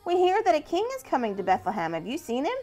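A woman voicing a small, sweet and hopeful girl mouse with a soft, earnest manner. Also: high voice, huge pitch swings, fast talker, faint music behind, pitched above the performer's own voice.

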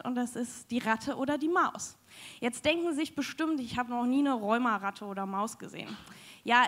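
This young woman's voice is a little high and fairly bright, with a German accent. She's doing a science slam on stage in a big, dim hall before an audience, talking into a handheld mic in a chatty, jokey way full of fillers.

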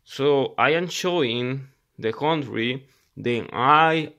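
A man in his thirties from El Salvador, a mechanic with a YouTube channel, speaks casually to camera from a laptop indoors, using simple phrases and frequent restarts in an earnest tone. His Salvadoran Spanish-accented voice is medium-pitched, slow, pushed, and bright.

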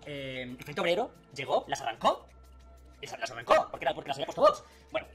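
A man's voice: fairly high pitch, huge pitch swings, fast talker. A man, mocking a rival in a video commentary with sarcasm and laughter, faint music behind. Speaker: political commentator.

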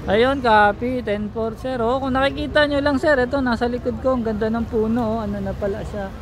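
High-pitched Filipino man on radio check. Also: fairly even intonation, brisk. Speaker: host making a radio range test. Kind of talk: casual walkie-talkie radio check. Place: outdoors in South Korea, near trees. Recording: noisy outdoor recording with traffic ambience.

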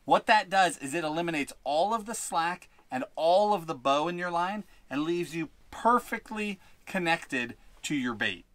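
Out on a windy lakeshore, a young fishing vlogger gives tips into a head-mounted action camera, instructive and upbeat. His voice is a little high and a bit bright, animated at a moderate pace with hardly any pauses, and there's no echo.

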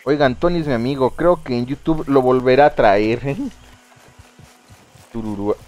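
A young Mexican man giving casual, excitable live commentary while playing a game. He swears freely and talks to his viewers. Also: medium pitch, normal speed. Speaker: streamer.

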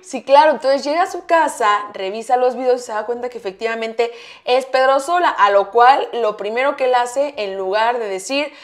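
A woman's voice: on the high side, normal speed. Mexican woman telling gossip with gusto. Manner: lively storytelling, acts out quotes. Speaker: gossip show co-host. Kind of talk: casual gossip chat.

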